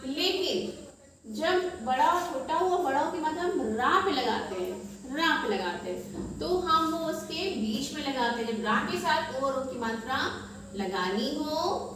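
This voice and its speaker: A woman teacher talks young children through a grammar lesson at the board, slow and patient, asking questions and then answering them herself. Her voice sits high. She is recorded from a distance in a very echoey room with a faint hiss behind. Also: lively intonation, crowd noise. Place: classroom with a board. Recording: echoey room, mic far off, faint noise.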